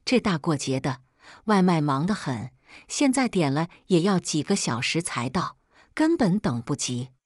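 A woman's voice: low-pitched, sing-song, measured pace, no room sound, studio quality, heavily acted. A woman voicing an angry, scolding young man. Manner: harsh scolding tone.

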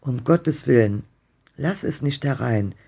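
Ein Mann, der einen verängstigten alten Mann spricht, bebend und heiser. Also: male voice, mid-range voice, sing-song, a little slow, mellow, exaggerated voice. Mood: fearful. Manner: shaky, hoarse whispering. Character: trembling frightened old man. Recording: dull muffled recording.

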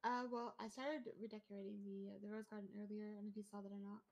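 A woman's voice: medium pitch, steady tone, very fast, a little mellow, rough recording. A woman chatting in a meandering way in character during a game role-play. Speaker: role-play player as counter server.

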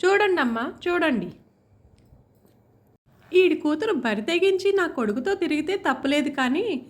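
A woman voicing a sarcastic, loud-mouthed middle-aged village aunt who taunts and shouts scornfully. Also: high-pitched, lively intonation, a little slow, pitched above the performer's own voice. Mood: angry shouting.

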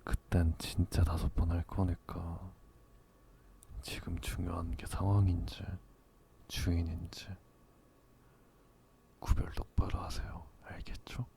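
A man playing a teasing, possessive, dominant lover in a whispered role-play, murmuring slowly and switching between coaxing and commanding. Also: low voice, flat delivery, vocal fry, mellow, heavily acted.

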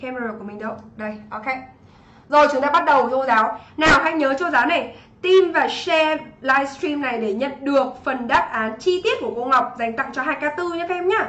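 A woman's voice: high voice, brisk, fairly bright tone, reverberant. A young Vietnamese woman, an English teacher, energetically reviews an exam on a livestream and keeps asking her students if they follow.

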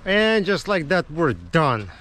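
A man's voice: fairly high pitch, big pitch swings, takes it slowly, fairly bright tone. A man filming a casual family ski vlog outdoors on the slopes, easygoing and chatty, cheering the others on. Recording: wind noise on outdoor camera mic.

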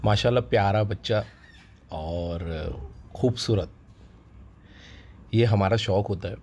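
A man who owns a goat farm walks viewers through his new stock in an unhurried, casual way with many hesitations, recorded on a handheld phone outdoors in the farm yard. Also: fairly low pitch, a little hiss or hum. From India. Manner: relaxed, unhurried, with frequent hesitations. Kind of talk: casual promotional farm tour.

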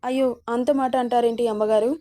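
Timid young maid, read by a woman, deferential, high-ish mellow voice. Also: flat delivery, brisk, lightly acted. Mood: pleading. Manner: pleading, deferential.

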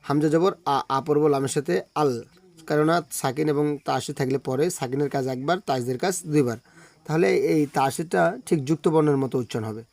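A man teaching Quran reading, spelling out each syllable and then chanting the joined words in long, drawn-out tones. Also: on the high side, vocal fry, darkish tone, no room sound.

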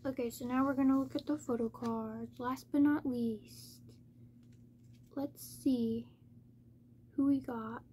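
Casual female unboxing host, high mellow voice, monotone with flat word stress, some background noise. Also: slow, long pauses. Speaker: K-pop album unboxing host. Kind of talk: casual chat, unboxing commentary.

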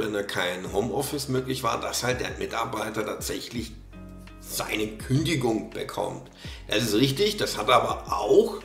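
A reaction video host in his thirties, nursing a slight cold, casually comments on a video from a desk in a small room, using lots of fillers and restarts. His voice is on the low side, creaky and fairly bright, and the recording is reverberant.

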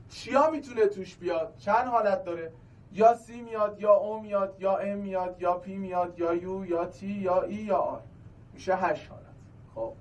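A man's voice: sits high, far from the mic. A man teaching an online math lesson, explaining step by step and checking in with his students.

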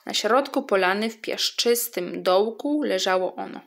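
A woman reading a children's story aloud in an expressive way. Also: mid-range voice, moderate pace, gravelly.

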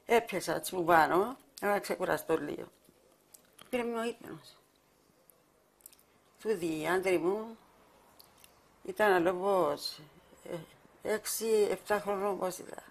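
Μια ηλικιωμένη γυναίκα με κυπριακή προφορά δίνει μαρτυρία σε συνέντευξη ντοκιμαντέρ, μιλώντας διστακτικά και επαναλαμβάνοντας λέξεις. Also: female voice, lowish voice. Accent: Cypriot Greek. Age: older. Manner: halting, repeats words while recalling. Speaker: mother of the fallen soldier. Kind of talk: documentary interview testimony.

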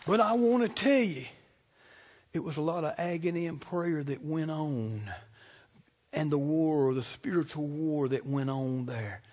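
A middle-aged man preaches in a church with a notably high voice. He is fervent, swings from loud to hushed, and keeps calling out for amens. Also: unhurried. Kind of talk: sermon. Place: church sanctuary.

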